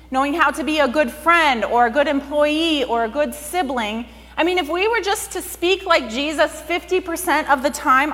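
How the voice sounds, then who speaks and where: A woman's voice: high-pitched, pushed and bright. A woman pastor giving a sermon in a conversational way, often saying "like". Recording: long hall reverb.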